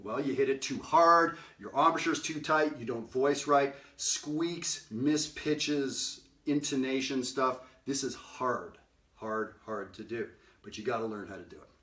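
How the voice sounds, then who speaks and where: A man's voice: medium pitch, measured pace, pushed and bright, recorded from a distance. Man, middle-aged, jazz educator, casual lesson, sings examples, echoey room. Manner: conversational, sings note examples, frequent "right?". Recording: roomy sound from off-mic.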